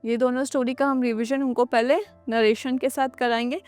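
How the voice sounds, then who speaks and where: A woman trainer talks teachers through a kindergarten lesson plan. She explains each step in turn and slips English phrases into her Hindi. Her voice sits a little high. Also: fairly even intonation, normal speed, darkish tone, clear, resonant tone, faint music behind. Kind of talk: instructional lesson plan walkthrough.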